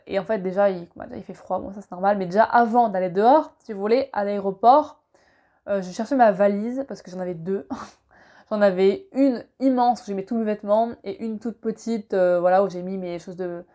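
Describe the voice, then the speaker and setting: A young woman from France telling a relaxed personal story to camera, chatty and full of fillers and asides. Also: mid-range voice. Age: young adult. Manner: chatty, many fillers and asides, laughs easily. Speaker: vlogger.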